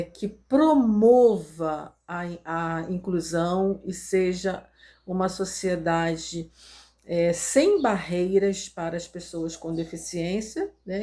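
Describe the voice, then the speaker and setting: A woman's voice: lowish voice, a little mellow. A woman from Brazil speaking casually and earnestly about inclusion, with fillers and restarts as she gets to her point. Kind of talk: casual spoken commentary.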